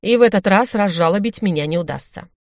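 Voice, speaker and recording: A gloomy colonel and stern father, read by a woman, grumbles gruffly at his daughter. The sound is dry and close. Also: mid-range voice, fast talker, no room sound, lightly acted.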